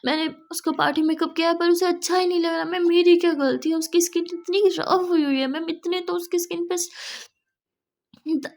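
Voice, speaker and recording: A woman's voice: sits high, little pitch movement, vocal fry. A woman voicing a panicked young salon employee who begs her boss to come help. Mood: panicked pleading. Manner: pleading, panicky, rushed.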